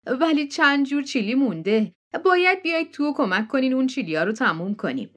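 A woman's voice: sits high, big pitch swings, a bit bright, voice pushed up. A woman voicing Joan, a plump, gracious middle-aged farm wife who coaxes her guests indoors. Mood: coaxing. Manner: insistent hospitable coaxing.

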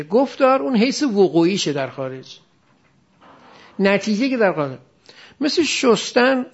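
Gravelly high-voiced man teaching a class. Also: highs cut off. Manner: explains step by step, asks students questions. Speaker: religious studies teacher. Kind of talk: classroom lecture on Quranic Arabic grammar.

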